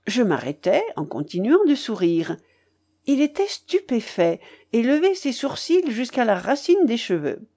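A woman narrating a literary audiobook in a measured, expressive storytelling manner. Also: on the high side.

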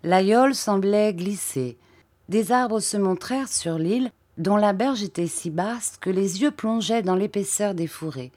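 A woman narrating a classic novel in a measured, unhurried reading voice. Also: mid-range voice, a little mellow, no echo. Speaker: audiobook narrator. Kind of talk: scripted literary narration.

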